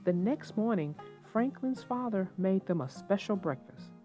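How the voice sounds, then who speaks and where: A woman hosts a children's read-aloud, narrating and discussing the story expressively in a mid-range voice with lively intonation and an unhurried pace. The sound is dull and lo-fi, with soft guitar music.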